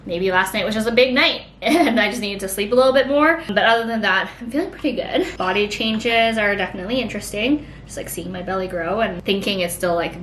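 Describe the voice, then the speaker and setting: A woman's voice: brisk, hardly any pauses, fairly bright tone. Chatty rambling woman in an echoey room. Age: late 20s. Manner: rambling, heavy use of "like". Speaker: vlogger. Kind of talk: casual pregnancy Q&A chat. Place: home. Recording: echoey room, faint rumble.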